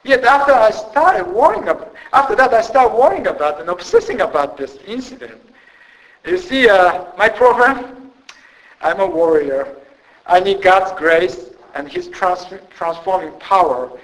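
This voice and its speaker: A Japanese man with a Japanese accent, a missionary preaching a sermon in a church with halting, self-deprecating humor. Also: high-pitched, lively intonation, fairly bright tone, low-quality recording.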